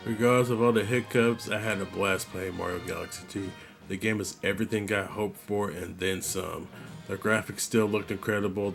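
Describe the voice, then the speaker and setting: A man with a low, gravelly voice tells a story in a relaxed, chatty vlog. He talks like he's catching up with friends. Faint music plays behind him. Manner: laid-back, conversational storytelling. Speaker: gaming vlogger. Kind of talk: storytelling monologue.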